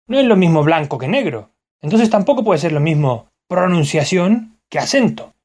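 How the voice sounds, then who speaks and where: Lively Argentine vlogger explaining. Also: medium pitch, moderate pace. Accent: Argentine Spanish. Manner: explanatory, addresses listeners as friends. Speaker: vlogger musing on language. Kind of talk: casual spoken reflection.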